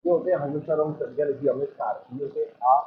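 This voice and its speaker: A man's voice: fairly high pitch, fairly even intonation, fast, slight background noise. A man teaching a coaching class, quizzing his students again and again as he explains. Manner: drills the class with repeated questions. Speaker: Hindi teacher. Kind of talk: exam coaching lecture. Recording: tinny phone-like sound.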